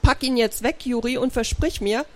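A woman reading a brisk, kind schoolteacher. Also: fairly high pitch, close to an everyday voice. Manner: brisk and caring.

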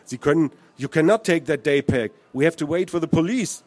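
A man's voice: medium pitch, lively intonation, moderate pace, darkish tone, breathy edge. A man voicing an aggressive teenage schoolboy who talks back in a raised voice. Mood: defiant. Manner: confrontational, raised voice.

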